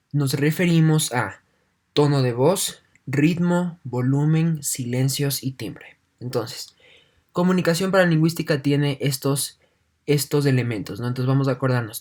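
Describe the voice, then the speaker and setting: A male teacher delivering a recorded online lesson. He reads each point aloud and then unpacks it in everyday words. He keeps checking in with his students in a steady, patient explaining manner. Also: medium pitch. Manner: leans heavily on "entonces" and checks in with "¿no?". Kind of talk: online class lecture.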